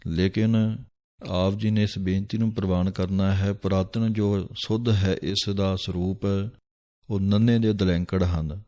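A man teaching scripture recitation, slowly chanting each verse and then explaining its spelling and where to pause. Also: sits low. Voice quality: calm, measured, drawn-out chanting of each verse. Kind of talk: pronunciation lesson with chanted verses.

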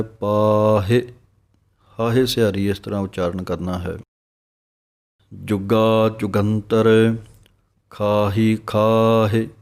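A man gives a pronunciation lesson in scripture chanting. He chants each verse slowly, then explains it more quickly. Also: fairly low pitch, a little mellow. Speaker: scripture recitation teacher.

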